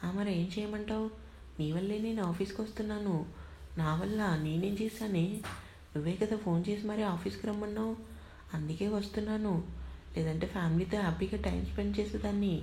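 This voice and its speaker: Sulky bickering young woman, read by a storyteller, mellow tone, roomy echo, faint hiss. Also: medium pitch, fairly quick, natural voice. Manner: pouting, bickering. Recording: echoey room, faint hiss.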